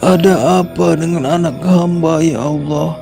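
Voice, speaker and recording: A worried, devout father pleads gently with his troubled daughter in a horror cartoon, as a man voices him. His voice sits a little high with a gravelly texture, over background music. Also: unhurried. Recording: music playing underneath.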